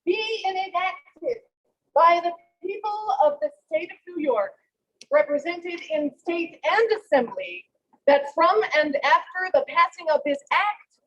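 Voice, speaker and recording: A woman's voice: extremely high pitch, a bit bright, muffled recording, full character voice. A woman playing a town crier from the 1820s, proclaiming a legal act in a formal, ceremonial, declamatory manner. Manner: declamatory, ceremonial, drawn-out phrasing. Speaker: town crier in a historical reenactment.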